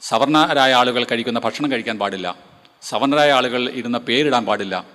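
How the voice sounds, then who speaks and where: A man's voice: medium pitch, a little fast, fairly bright tone, in a large hall. A man with a Malayali accent giving an emphatic lecture to seminary students and throwing rhetorical questions at them. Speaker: guest lecturer.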